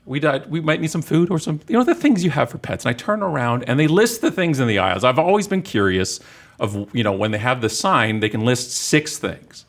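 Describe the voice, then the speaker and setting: Brief: fifty-something male podcast host, gravelly, animated storyteller. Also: medium pitch, brisk. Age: 50s. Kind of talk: casual chat.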